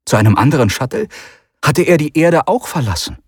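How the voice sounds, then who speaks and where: A man narrating an audiobook in an expressive, dramatic way. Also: on the high side, brisk, breathy edge, dry recording, clean studio sound.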